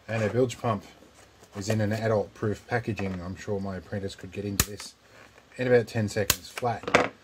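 Low-voiced Australian man, chatty DIY vlogger. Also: steady tone, moderate pace, noisy background. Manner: chatty, rambling, wry asides. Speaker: repair channel host. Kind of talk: casual unboxing and how-to vlog.

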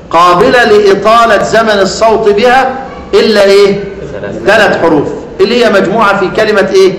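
High-voiced Egyptian teacher in an echoey hall. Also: male voice, fairly bright tone, slight background noise. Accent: Egyptian Arabic. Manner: asks students leading questions, then answers them. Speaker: Quran recitation teacher. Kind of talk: classroom lesson. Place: lecture hall.

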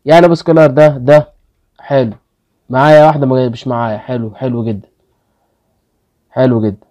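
A man's voice: medium pitch, fairly even intonation, quick pace, dark tone, highs cut off. A man with an Egyptian Arabic accent hosting a casual gaming video, pleading with his luck and grumbling when the results go badly. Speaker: gaming channel host.

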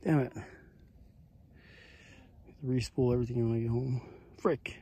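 A man's voice: mid-range voice, fairly even intonation, measured pace, warm tone, breathy edge. A man in his forties chatting casually and rambling a little, filming himself with a phone at arm's length on a mountain lakeshore. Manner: laid-back, rambling, peppered with fillers. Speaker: vlogger on a family fishing trip. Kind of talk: casual explanatory chat.

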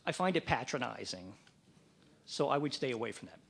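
A man's voice: mid-range voice, very animated, a little fast, vocal fry, a bit bright, breathy edge. A man from the Mid-Atlantic United States giving a practical training talk, acting out sample phone calls. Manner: practical, plain-spoken, role-plays phone calls. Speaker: fundraising trainer.

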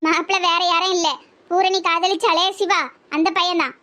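A sharp-tongued old village granny in a cartoon comedy, voiced by a performer, with a thick Tirunelveli Tamil accent and a piercing, squeaky-high voice. she talks in a matter-of-fact way and scolds without softening anything. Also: flat delivery, moderate pace. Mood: blunt. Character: elderly village grandmother, blunt and scolding.

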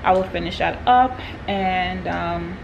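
A woman in her thirties vlogs her day at home and in the car, chatting casually and directly to a phone or camera held at arm's length. Her voice is on the low side, slow and creaky, and the muffled recording has background noise, including the car's air conditioning.

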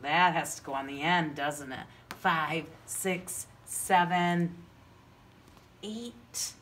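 A woman's voice: sits low, drawn-out words, a bit bright. A woman teaching preschoolers like a kids' show host, with sing-song delivery and simple repeated questions for young children. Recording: noticeable background noise.

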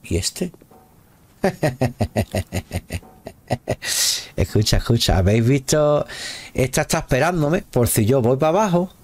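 A man's voice: mid-range voice, very animated, brisk, darkish tone. A man giving casual live commentary while playing a video game, chatting with viewers and exclaiming at the action. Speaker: gameplay streamer.

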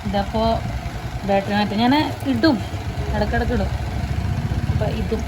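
A woman's voice: medium pitch, fairly even intonation, a little slow. A woman chatting casually as a vlog host, mixing English words into her Malayalam. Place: outdoor night market and roadside. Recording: noisy street with traffic and crowd.

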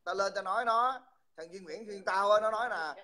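A man's voice: high-pitched, a little fast, sharp tone. A man, hosting a livestream and mockingly insulting someone over and over. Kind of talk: heated livestream taunting.

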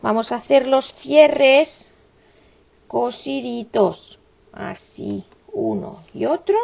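A woman's voice: on the high side, expressive, takes it slowly, creaky, darkish tone, slightly rough, lo-fi sound. A woman, teaching a crochet tutorial in a chatty, affectionate way full of exclamations and diminutives.

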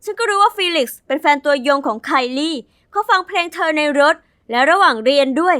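A young woman narrating her own animated story as its heroine, chatty, dramatic and confiding. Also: extremely high pitch, brisk, no echo, studio quality, heavily acted.

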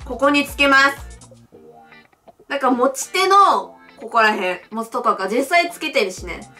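A young woman from Japan chats through a mobile quiz game, reading each question aloud and answering with blunt, giggly reactions. Her voice sits high and swings widely in pitch. Faint music plays behind her. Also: lively intonation, unhurried, sharp tone. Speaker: game streamer. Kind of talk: casual playthrough commentary.

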